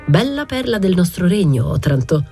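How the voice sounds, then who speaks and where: A cold, calculating king with a thin, chilly voice, as a woman reads him, speaking in a low, dark tone. He sounds impassive and quietly ironic, and soft music plays faintly behind him. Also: big pitch swings, normal speed.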